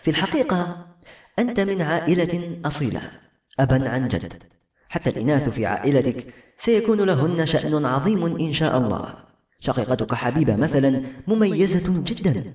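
A man voicing a tender, gentle queen. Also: on the high side. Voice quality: soft tender voice with a slight tremble. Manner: calm, motherly, measured. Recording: roomy echo with soft music.

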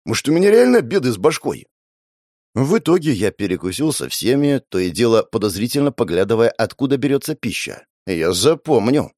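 A man's voice: mid-range voice, very animated, brisk, a little mellow, dry recording. A man narrating an audiobook in the first person, with a wry, sardonic inner monologue on a close mic.

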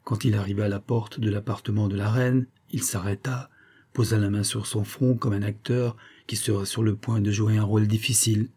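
A man reading a historical novella aloud in a steady storytelling manner. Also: fairly low pitch, normal speed, slightly rough. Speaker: audiobook reader. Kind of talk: scripted narration of a historical novella.

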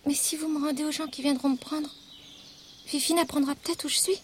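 An actress voicing a timid, gentle poor little girl in a radio drama, talking softly and pleadingly. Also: sits high, steady tone, fairly quick, slight background noise, close to an everyday voice. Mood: fearful. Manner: soft, pleading, childlike.

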